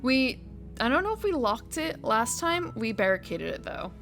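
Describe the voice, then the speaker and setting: Animated, high-voiced woman streaming a game. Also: normal speed, soft background music. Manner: chatty, playful. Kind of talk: casual live playthrough commentary.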